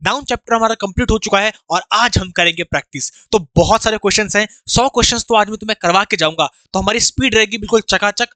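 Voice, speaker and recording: A man teaching an exam-prep grammar lesson with an Indian accent, energetic and chatty, calling students "bhai". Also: high-pitched, fast, few pauses, no echo.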